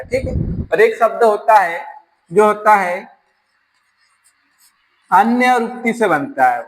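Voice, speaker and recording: A man with a fairly high voice and a Rajasthani accent, teaching an exam-prep grammar lesson. He works through each item step by step, putting a question to the class and then answering it himself. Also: a bit bright, low-quality recording. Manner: explains step by step, asks and answers his own questions.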